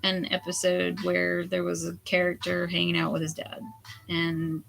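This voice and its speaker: A hoarse woman in her forties, a potter chatting candidly while she throws clay at the wheel. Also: fairly low pitch, monotone, normal speed, a bit bright, a little hiss or hum. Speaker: potter streaming a throwing session. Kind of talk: casual chat while working. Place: pottery studio with lo-fi music on.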